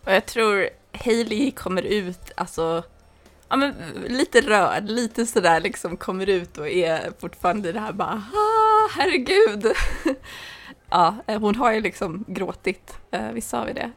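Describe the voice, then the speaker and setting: Pratglad kvinna som spelar rollspel. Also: female voice, mid-range voice, vocal fry. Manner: chatty, giggly, drops to a whisper for in-character secrets. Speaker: player. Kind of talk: playing a character in a tabletop role-playing game.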